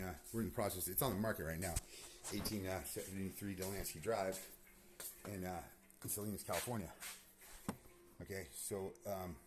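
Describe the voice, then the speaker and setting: Male vlogger with a low register, restless and foul-mouthed, talking fast from an empty house. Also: slight background noise. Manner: profane, agitated, rambling. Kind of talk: rambling personal monologue. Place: empty house being renovated.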